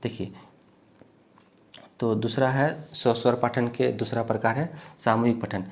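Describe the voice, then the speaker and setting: A man's voice: mid-range voice, fairly even intonation, darkish tone. Unwell male teacher, patient and repetitive exam-prep delivery. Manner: repetitive, explains slowly with frequent "thik hai" checks. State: unwell, coughing.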